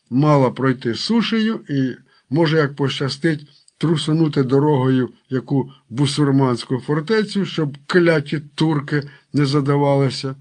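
A man's voice: fairly high pitch, a little mellow. Man narrating a Cossack adventure tale. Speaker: storyteller. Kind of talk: audiobook narration with character quotes.

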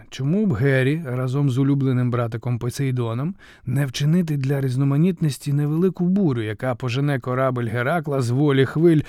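A man's voice: medium pitch, warm tone, no echo, clean studio sound, natural voice. A man voicing a mocking male jester god laying out a scheme in flowery, sneering speech.

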